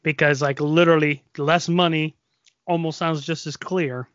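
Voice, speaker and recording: A man with a nasal, somewhat high voice rambles casually through a podcast story, full of fillers. The sound is dry and a little dull. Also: steady tone, normal speed, fairly bright tone, no room sound. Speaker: podcast co-host. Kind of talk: casual chat. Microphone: XLR microphone.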